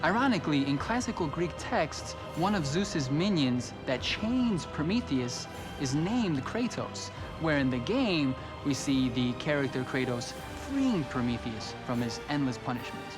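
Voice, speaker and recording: A man's voice: a little high, big pitch swings, unhurried. A man giving explanatory, storytelling commentary as a documentary interviewee. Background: music.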